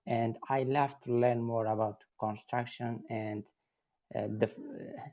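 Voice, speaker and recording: A man's voice: medium pitch, steady tone, slow, mellow. A young man from Afghanistan, a recent civil engineering graduate, speaking hesitantly in simple phrasing in a casual online chat. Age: young adult. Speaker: community member. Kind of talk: casual chat on an audio room.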